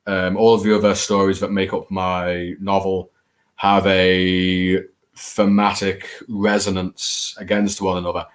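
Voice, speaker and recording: A man from England with a Scouse accent hosts a late-night livestream, rambling casually in a hesitant, self-deprecating way with theatrical flourishes. His voice is deep, level and a little slow.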